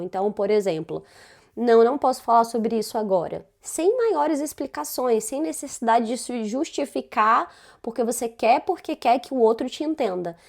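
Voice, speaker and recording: A woman's voice: on the high side, darkish tone. A woman with a Brazilian Portuguese accent giving casual self-development advice, talking conversationally and often tagging her sentences with questions. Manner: conversational, frequent tag questions.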